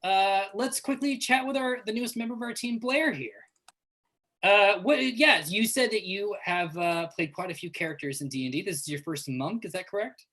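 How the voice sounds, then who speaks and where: A man's voice: high-pitched, moderate pace, pushed and bright. A man running a tabletop role-playing game on a live stream as game master, chatting casually and organizing the players.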